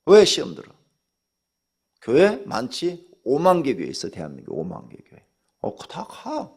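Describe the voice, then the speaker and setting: An older male pastor delivers a dawn sermon in a blunt, scolding way, acting out bits of dialogue. His voice is gravelly and a little husky. His pitch swings hugely, from low murmurs up to sharp, high bursts. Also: huge pitch swings, normal speed.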